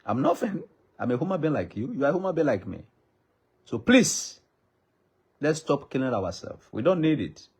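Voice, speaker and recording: In a mid-range voice that's very animated, moderately paced, a little mellow, and slightly rough, a Nigerian traditional ruler appeals to the public. He's a native Yoruba speaker with a Yoruba accent, pausing often as he pleads in an impassioned, repetitive, preacher-like rhythm.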